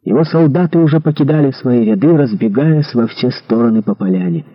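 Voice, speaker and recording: A man narrating an adventure novel aloud in an expressive, dramatic reading. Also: medium pitch, brisk, slightly rough, muffled recording. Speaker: audiobook narrator. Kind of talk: scripted narration.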